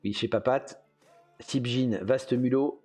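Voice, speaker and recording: A man hosts a relaxed stream in a mid-range voice, talking in loose, meandering stretches broken by hesitant fillers. He chuckles often as he goes, and faint music plays softly behind him. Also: mid-range voice, takes it slowly, breathy edge. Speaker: host. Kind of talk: casual livestream chat.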